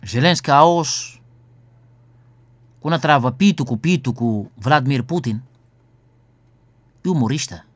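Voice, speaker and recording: Earnest rambling talker, close dry radio sound. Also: male voice, medium pitch, unhurried, long pauses, no room sound.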